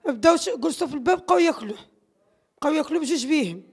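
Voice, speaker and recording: A woman's voice: sits high, lively intonation, very fast, darkish tone. A middle-aged woman with a northern Moroccan Arabic accent, distraught and crying as she gives an anguished, repetitive, pleading testimony to a news reporter. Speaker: bereaved mother interviewed. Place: small bare concrete room or entryway indoors. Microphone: reporter's handheld microphone held close.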